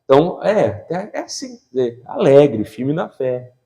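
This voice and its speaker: Male pastor, fairly high pitch, preaching with humor, acting out little scenes, firing rhetorical questions at the congregation. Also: very animated, measured pace, creaky, mellow. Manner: asks the crowd rhetorical questions. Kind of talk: lively sermon.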